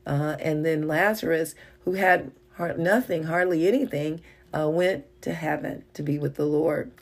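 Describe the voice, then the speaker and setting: Woman, low voice, gravelly, middle-aged, informal devotional talk, chatty storytelling. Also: a little mellow. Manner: conversational, many fillers, tells personal stories.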